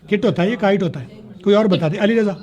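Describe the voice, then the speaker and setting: A man teaching spoken English to a class, spelling words letter by letter, slowing down to model sounds and checking that students follow. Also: sits high, darkish tone, highs cut off. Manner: slows down to demonstrate pronunciation. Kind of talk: classroom lecture.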